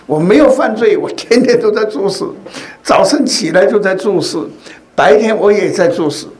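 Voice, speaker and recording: Man, high voice, preacher, sermon, conversational, rhetorical questions, storytelling. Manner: conversational, often asks the congregation rhetorical questions; tells personal stories to make a point.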